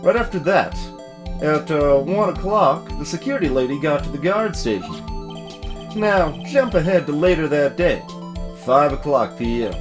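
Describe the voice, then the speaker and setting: A man voicing a gruff, folksy, bumbling male police detective in a fan-voiced game playthrough, tagging his lines with "see?". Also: fairly high pitch, sing-song, normal speed. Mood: explaining. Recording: music playing behind the voice.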